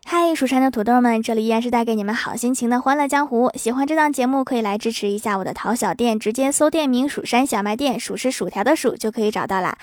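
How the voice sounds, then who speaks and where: A woman's voice: on the high side, fast talker, hardly any pauses, dry recording, clean studio sound. Woman host chuckling through jokes. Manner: chuckles at her own punchlines. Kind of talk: reading jokes on a comedy podcast.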